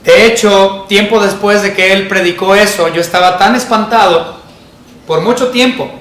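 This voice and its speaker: A man preaching a sermon as pastor, telling a personal story and acting out his childhood fear in a higher voice. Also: moderate pace, fairly bright tone, roomy sound. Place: church sanctuary.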